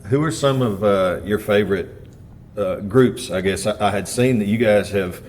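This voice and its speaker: A man co-hosting an interview show and asking relaxed, friendly questions. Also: lowish voice, normal speed, slight background noise. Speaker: co-host.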